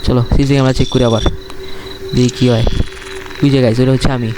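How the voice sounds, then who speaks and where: A man's voice: medium pitch, little pitch movement, quick pace. Scared Bangladeshi male horror game streamer, noisy audio. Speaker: gaming streamer. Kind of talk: casual horror game commentary to viewers.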